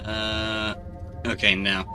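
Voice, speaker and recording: A man's voice: lowish voice, completely flat delivery, drawn-out words, over music. A man streaming a game live, making crude joking comments.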